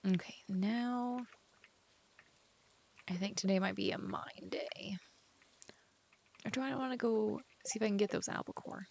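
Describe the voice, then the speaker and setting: A woman with a medium-pitched, gravelly and slightly mellow voice talks a little slowly, leaving long pauses. She's an author playing a farming game, chatting casually and drifting between thoughts, saying "like" constantly and sometimes sinking almost to a whisper.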